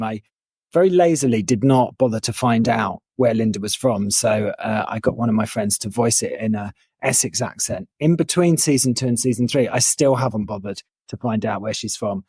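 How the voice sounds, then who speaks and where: A man's voice: medium pitch, darkish tone, breathy edge, no echo, clean studio sound. A man co-hosting a podcast, narrating in a wry, chatty way. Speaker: podcast co-host.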